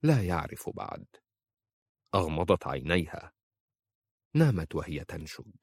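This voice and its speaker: A man narrating a novel as an audiobook in a measured, even way. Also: sits low, slightly rough, no echo, clean studio sound.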